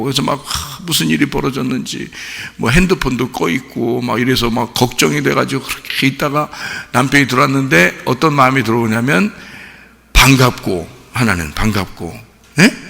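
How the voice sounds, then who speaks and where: Man, pastor, chatty sermon, rhetorical questions, gravelly voice, reverberant church hall. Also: mid-range voice, pushed and bright. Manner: conversational, many rhetorical questions to the congregation, acts out quotes. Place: church sanctuary.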